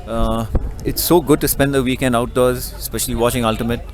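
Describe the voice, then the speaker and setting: A man giving color commentary at a live match, calmly explaining tactics and throws. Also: medium pitch, a little fast, background noise. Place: outdoors at a sports field.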